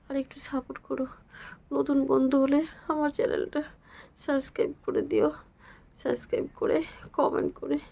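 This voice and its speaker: Hoarse woman vlogging in a half-whisper. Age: adult with a daughter. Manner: speaking softly, low and half-whispered. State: hoarse and sore-throated. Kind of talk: casual daily vlog.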